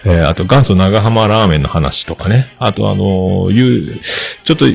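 Deep-voiced man rambling on a podcast. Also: normal speed, gravelly. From Fukuoka, Japan. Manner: rambling and chatty, with many hesitations. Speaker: podcast host. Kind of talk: casual solo podcast talk.

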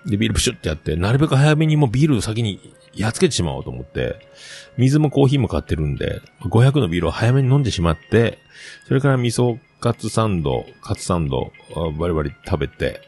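A man's voice: lowish voice, very animated, fast, a little mellow, husky, soft background music. A man in his forties, a podcast host rambling through a funny travel anecdote with lots of fillers. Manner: rambling, self-amused anecdote with many fillers. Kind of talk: casual storytelling monologue.

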